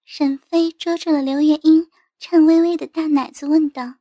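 A woman narrating a story in a steady, even reading voice. Her pitch is high, yet the tone stays mellow and soft-edged. The recording is dry and close to the mic, with no room sound. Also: moderate pace, dry recording. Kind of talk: scripted narration.

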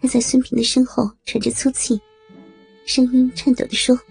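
A woman narrating an audio story with slow, steady reading. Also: high voice, gravelly, faint music behind.

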